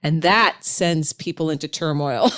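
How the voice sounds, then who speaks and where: A woman podcast host with a smooth, clear voice that sits a little low. She talks in a chatty, reflective way and warmly affirms her guest as the conversation goes on. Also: unhurried. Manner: chatty and reflective, with frequent affirming murmurs and laughs.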